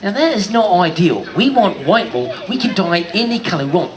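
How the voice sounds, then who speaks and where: With crowd noise around him, the New Zealand sheep show presenter speaks fairly quickly in a higher, very animated voice. He plays the joking showman on stage, addressing the kids and the rest of the live audience.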